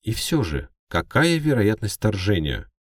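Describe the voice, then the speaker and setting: A man puts on an uneasy half-elf newsreader for a fantasy audiobook. The pitch is lifted well above the narration, the phrasing formal and insistent, the sound dry. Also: sing-song, measured pace, no echo, recorded from a distance. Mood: formal, concerned. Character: anxious male half-elf television news presenter.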